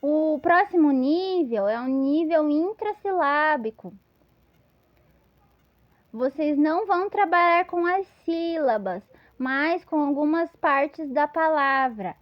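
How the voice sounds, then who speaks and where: A woman's voice: high voice, animated, slow pace, no room sound, dull audio. A woman giving an instructional lesson, patiently explaining step by step with examples. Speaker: teacher.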